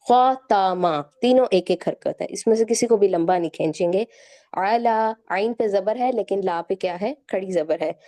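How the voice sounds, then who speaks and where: A woman teaching a Quran recitation class, patiently sounding out syllables slowly one by one and checking in with her students. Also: mid-range voice, warm tone. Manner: slow, drawn-out syllable-by-syllable demonstration; patient, repeats "theek hai" to check in.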